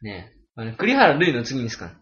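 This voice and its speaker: A man's voice: mid-range voice, wildly swooping pitch, normal speed. A man, co-hosting a casual radio chat and teasing his friend. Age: 20s. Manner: teasing, playful, jumps between loud and quiet. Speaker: radio show co-host. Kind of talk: casual banter. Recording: dull lo-fi home recording.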